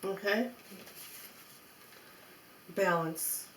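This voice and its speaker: A woman gives a mystical tarot reading in an unscripted, coaxing style. She circles back over phrases for emphasis and reassurance, at a medium pitch. The room is noticeably echoey, with faint noise behind her. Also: very slow, fairly bright tone. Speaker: tarot reader. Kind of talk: mystical tarot horoscope reading, spoken off the cuff. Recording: roomy echo, faint background noise.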